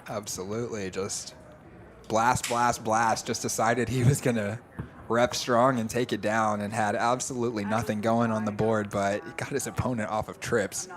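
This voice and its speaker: A young man commentating a live poker stream in a relaxed, analytical way. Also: on the low side, normal speed. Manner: easygoing, analytical. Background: crowd chatter of a poker room.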